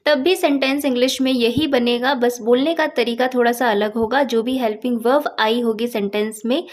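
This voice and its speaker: A woman's voice: on the high side, fairly even intonation, moderate pace. A woman teaching English grammar in a patient, explanatory lesson, repeating her points and stressing the helping verbs.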